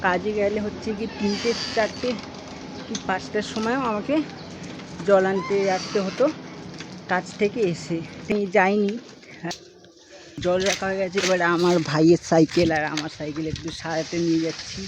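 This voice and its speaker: A chatty vlogger speaks at a middling pitch and grumbles about the heat while walking outside. The voice is a little hushed beside the road. It is caught on a phone camera with loud outdoor noise all around. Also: fairly even intonation, normal speed. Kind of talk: casual vlog talk to the camera. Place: outdoors around home and street. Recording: noisy outdoor phone audio.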